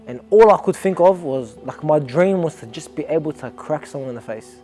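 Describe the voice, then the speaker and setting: A man's voice: on the high side, animated, brisk, mellow, faint music behind. A young Australian man, an amateur boxer, talking earnestly and reflectively in a documentary interview, often restarting his sentences.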